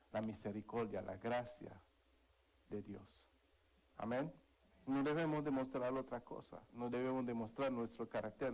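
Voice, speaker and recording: A man's voice: medium pitch, a little mellow, low-quality recording. A man preaching a sermon in Spanish, earnest, calling for amens and telling a personal testimony. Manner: earnest, calls for amens, tells a story.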